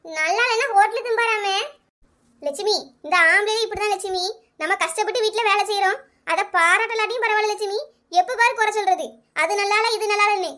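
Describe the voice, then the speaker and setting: Shrill, quick-talking housewife, as a woman plays her, indignant, comic skit. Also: sharp tone. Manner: shrill, quick, arguing back. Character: indignant village housewife defending her cooking. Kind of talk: comic village skit acting.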